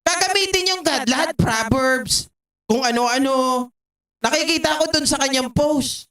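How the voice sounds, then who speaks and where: A man's voice: very high voice, a little slow. A man hosting a political commentary livestream from home, mocking his targets, laughing often and reading viewer comments aloud. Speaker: livestream host. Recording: echoey, distant, loud noise.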